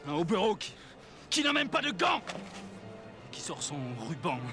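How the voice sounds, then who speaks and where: Haughty, high-voiced nobleman, wildly animated. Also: normal speed. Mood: haughty disdain. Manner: haughty, sputtering insults. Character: arrogant, indignant young nobleman, sneering and easily provoked. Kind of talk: theatrical French verse drama acting. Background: music.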